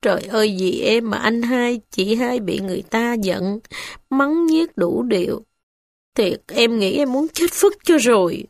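A woman's voice: on the high side, darkish tone, dry recording, clean studio sound. Woman doing a tearful young village girl. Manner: weeping, slow.

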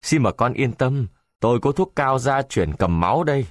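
A reserved, stern traveler in his forties who speaks calmly , played by a male narrator. The reading is dry and close. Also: mid-range voice, moderate pace, no echo, pitched above the performer's own voice, lightly acted. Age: 40s. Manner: calm, reserved. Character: stern, calm middle-aged male traveler.

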